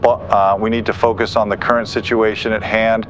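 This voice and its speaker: On dull, muffled audio with faint noise, a forecaster speaks off the cuff in urgent live tornado coverage, grave and insistent. His voice sits on the low side with a fairly bright tone and little pitch movement, and he talks a little fast.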